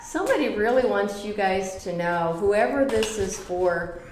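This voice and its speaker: A woman's voice: mid-range voice, animated, measured pace, roomy sound, noisy background. A middle-aged woman giving a casual tarot reading, blunt and profane, with emphatic repetitions. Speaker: tarot reader.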